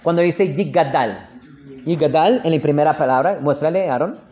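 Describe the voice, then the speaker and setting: A man with a Colombian Spanish accent teaching a lesson on prayer customs, explaining step by step, slowing down to spell out the prayer words and often checking in with his listeners. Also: fairly high pitch, animated, mellow.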